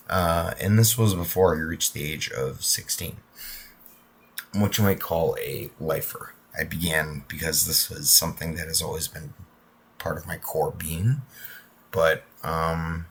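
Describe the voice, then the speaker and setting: Very deep husky man with a cold. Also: a bit bright. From United States. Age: 30s. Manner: rambling, frequent ums and uhs. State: recovering from a cold, voice not clear. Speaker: martial arts channel host. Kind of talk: casual talk to camera.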